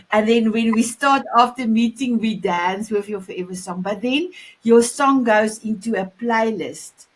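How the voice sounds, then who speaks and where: This Afrikaans-speaking host from South Africa runs a laid-back online chat show, warm and effusive, saying "my beautiful" again and again and often restarting mid-sentence. Her voice leans high with a fairly bright tone, captured on poor audio.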